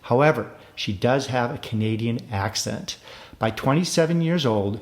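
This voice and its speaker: Male host, mid-pitched voice, reads introduction, asks interview questions.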